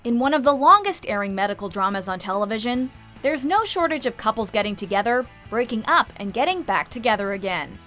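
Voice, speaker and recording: Woman, scripted countdown narration, highish pitch, very lively intonation, faint music behind. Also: brisk, few pauses.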